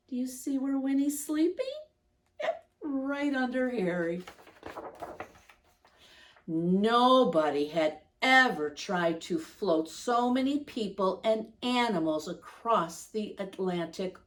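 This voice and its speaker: A woman with a mid-range voice reads a picture book to young children with lots of expression. She elongates words for emphasis and breaks off to ask the kids questions.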